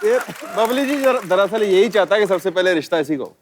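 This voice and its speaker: Lively male guest chatting on stage. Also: high voice, fairly quick, some chatter behind. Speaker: show guest. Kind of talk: casual chat on stage. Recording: distant voice amid noisy studio audience.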